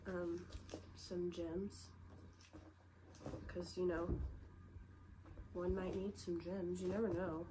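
Speaking slowly and pausing often, this young woman keeps her lowish voice fairly flat in pitch. She's a vlogger fighting a stuffy head cold, chatting casually from her bed with plenty of "like" fillers in a show-and-tell style. It's a noisy home recording, with the camera set low before her.

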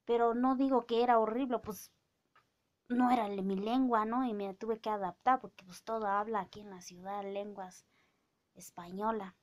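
A woman in her thirties from Oaxaca, Mexico, a native Mazatec speaker with Mazatec-accented Spanish, rants casually to a phone camera held at arm's length in a small room with bookshelves. As a vlogger she sounds indignant and scolding, drawing out her speech with many fillers. Her voice is medium-pitched and steady in tone.

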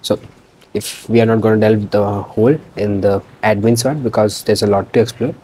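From his small room, a young man walks casually through a website demo for a student project, speaking unscripted with fillers and restarts. His lowish, mellow voice has a breathy edge, fairly even intonation and a moderate pace.

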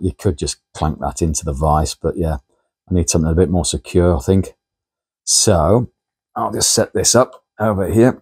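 A man speaks in a low, slightly husky voice with a dark, mellow tone. He chats casually as he works, explaining each step of his workshop task. He is recorded indoors by a camera on a tripod in his home workshop. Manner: chatty, talks viewers through each step as he works. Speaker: model engineering workshop host.

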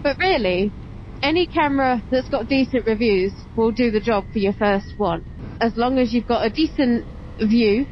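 On a motorbike on open roads, a woman with a slightly high voice chats at a moderate pace, casually explaining things for her vlog. Her helmet intercom mic sounds dull, with engine and road noise behind her.

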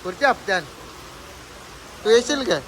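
A man's voice: very high voice, animated, moderate pace, a bit bright. A man with an Agri-Koli Marathi accent chatting casually and teasing friends for his vlog. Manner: teasing, joking. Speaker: vlogger.

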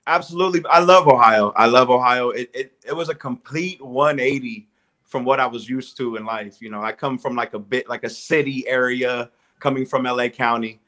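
A friendly, upbeat Southern Californian man joins a casual video call interview as a guest, a strength and conditioning coach. His medium-pitched voice is bright and forceful at a moderate pace, and he repeats words while thinking.

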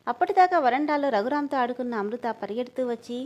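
A woman storyteller reading a family drama aloud in a steady, expressive narration. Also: a little high, fast.

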